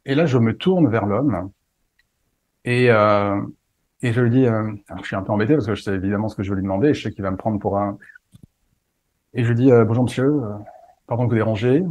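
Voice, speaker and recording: Guy telling a wacky story, playful and self-mocking, warm husky voice. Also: lowish voice, a little fast, pauses often. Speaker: spiritual medium and storyteller. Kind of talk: casual storytelling.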